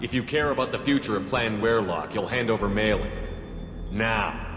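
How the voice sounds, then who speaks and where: An actor playing a firm, no-nonsense military commander in a sci-fi video game, measured and curt. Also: male voice, fairly low pitch, a bit bright, lightly acted. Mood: stern. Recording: echoey hall, game music over it.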